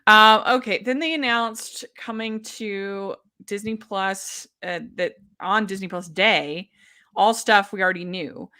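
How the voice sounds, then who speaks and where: A woman hosts a relaxed, casual chat. Her voice is bright and clear, and she talks in an eager, upbeat way. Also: mid-range voice, a little slow. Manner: chatty, enthusiastic, laughs often. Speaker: podcast host.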